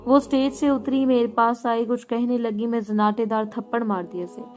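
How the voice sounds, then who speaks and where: A female storyteller reads a scripted first-person tale in a steady, even manner. Her voice sits a little high. Soft music plays faintly underneath. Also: moderate pace.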